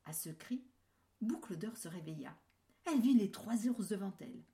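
A woman reading a children's story aloud in an expressive storyteller's manner. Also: mid-range voice, moderate pace, vocal fry.

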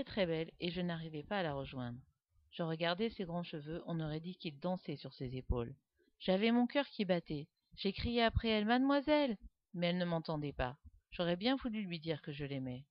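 A woman voicing an excitable young schoolboy who gets carried away by his own story, in a dull, dry recording. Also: lowish voice, brisk, dry recording, natural voice. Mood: lively. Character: excitable young schoolboy writer, dreamy and eager.

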